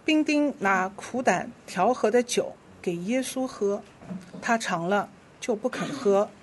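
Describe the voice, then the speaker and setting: A woman leading a church service, reading scripture aloud verse by verse in a steady, clear voice. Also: mid-range voice, unhurried, slight background noise. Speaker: worship leader.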